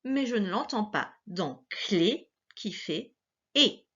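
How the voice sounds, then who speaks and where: A woman teaching a young child reading sounds, speaking slowly and carefully and stretching out each key word. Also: mid-range voice, animated, a bit bright, slightly rough, muffled recording. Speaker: primary school teacher. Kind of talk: recorded phonics lesson for a young child.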